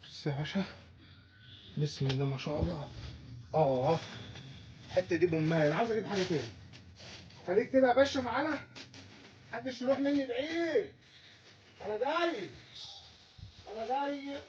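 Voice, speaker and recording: A man with an Egyptian accent selling carpets in a casual market-style pitch. He chats away and keeps repeating short phrases the way a street hawker does. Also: a little fast, long pauses, dull audio, background noise. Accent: Egyptian Arabic. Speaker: carpet seller.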